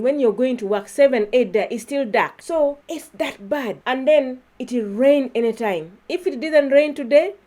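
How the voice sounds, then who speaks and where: A woman's voice: a little high, darkish tone. A woman from Uganda, talking casually to her viewers in a vlog, chatty and often laughing. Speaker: YouTuber.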